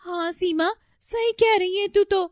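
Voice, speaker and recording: Woman voicing a shrill panicky mother-in-law. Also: a little slow, no room sound, studio quality. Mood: anxious. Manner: shrill, wailing and pleading. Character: older mother-in-law, fretful and easily panicked.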